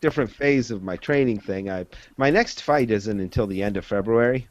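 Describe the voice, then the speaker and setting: A man's voice: lowish voice, a little fast, slight background noise. Rambling man on a lo-fi line. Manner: rambling, many fillers, lays out arguments step by step. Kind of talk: casual chat.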